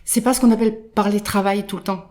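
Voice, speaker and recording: A middle-aged woman, a photographer being interviewed, talking in a lively, halting way with many restarts and repeated words. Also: medium pitch. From born in Morocco, raised in Nairobi and London. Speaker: guest, photographer. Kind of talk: casual interview conversation.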